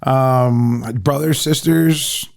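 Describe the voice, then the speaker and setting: A man's voice: medium pitch, fairly even intonation, extremely slow, vocal fry. A middle-aged man from Ohio hosting a podcast, chatting casually and rambling with lots of fillers. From Ohio, USA. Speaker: podcast host. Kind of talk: casual interview chat.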